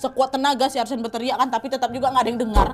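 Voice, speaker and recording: A woman, chatty and expressive as she narrates a horror story and talks straight to her listeners. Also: fairly high pitch, rapid-fire, a little hiss or hum.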